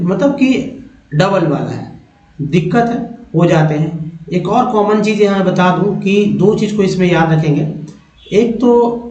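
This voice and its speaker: Indian male teacher, high-pitched and unhurried, drawing out each syllable as he spells. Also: a little mellow, echoey room, muffled recording. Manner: repeats words slowly, syllable by syllable. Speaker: English teacher. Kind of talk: classroom spelling lesson.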